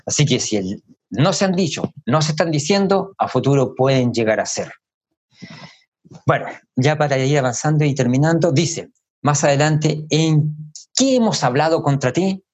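A man preaching a sermon in a measured way, repeating key phrases for emphasis and pausing to think aloud. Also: on the high side, animated, a little mellow.

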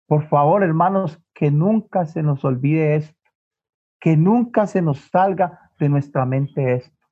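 A man preaches in a high, earnest voice and often calls out to his congregation. His volume drops sharply for emphasis. The sound is dull and lo-fi, like an old church recording. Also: unhurried. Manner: earnest, repeatedly addresses the brethren, dramatic drops in volume. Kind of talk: sermon storytelling.

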